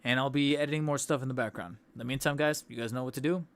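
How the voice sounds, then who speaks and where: This fast-talking toy channel host has a mid-range, steady and fairly bright voice, though he's losing it by the livestream's wrap-up. The young man rambles casually with restarts and laughs between thoughts, speaking into a studio desk mic.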